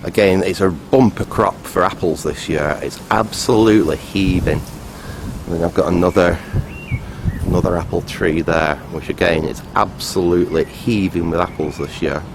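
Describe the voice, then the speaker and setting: In a casual, unscripted video tour, a low-voiced hobbyist restorer who vlogs talks off the cuff as if guiding a visitor. He speaks in a steady tone, halting and rambling but matter-of-fact. Clear noise sits behind him on the casual handheld recording.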